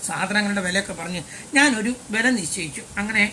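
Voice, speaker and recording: A man's voice: high voice, a little fast, pushed and bright, a little hiss or hum. An older man, a maths teacher, giving a lesson as a chatty, digressive personal story and slipping in English phrases.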